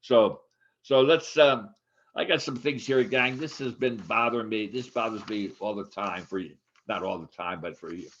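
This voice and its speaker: A man in his eighties, co-hosting a casual chat show, rambling with many halting restarts and fillers. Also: on the low side, fairly bright tone, a little hiss or hum. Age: 80s. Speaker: podcast co-host. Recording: dull lo-fi sound.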